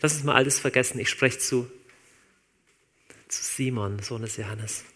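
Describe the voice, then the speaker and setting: A man preaches in a loose, conversational way and talks straight to his listeners as if chatting with friends. His voice has a bright, forceful edge and sits at an ordinary middle pitch. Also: normal speed. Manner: conversational, informal, addresses listeners directly. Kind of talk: sermon.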